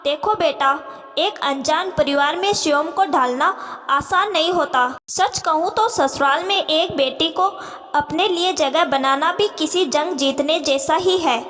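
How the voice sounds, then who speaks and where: A woman voicing a caring middle-aged stepmother who gently coaxes her daughter, in a reverberant room. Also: sits high, unhurried, faint music behind. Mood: advising.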